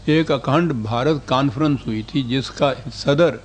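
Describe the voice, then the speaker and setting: An older man giving a scholarly lecture, reading out historical quotations and putting rhetorical questions to his audience. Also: mid-range voice.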